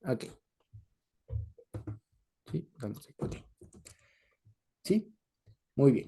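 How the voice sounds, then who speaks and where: A man's voice: mid-range voice, warm tone. A man teaching a scripture study to a group, explaining each point patiently, repeating himself and often asking the listeners whether they follow. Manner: explanatory, repeats points and checks understanding with frequent questions. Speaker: Bible teacher.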